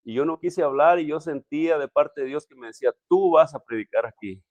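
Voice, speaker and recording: A man, a pastor, telling his personal testimony in a halting, emotional way with many restarts. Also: fairly high pitch, a little mellow, no echo, lo-fi sound. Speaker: pastor, interview guest.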